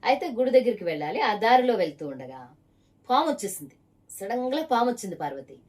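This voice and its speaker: A woman's voice: fairly high pitch, big pitch swings, fairly quick, darkish tone, distant mic. Emphatic woman preaching. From Visakhapatnam area, Andhra Pradesh. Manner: emphatic, pointed rhetorical questions to one listener. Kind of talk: preaching testimony.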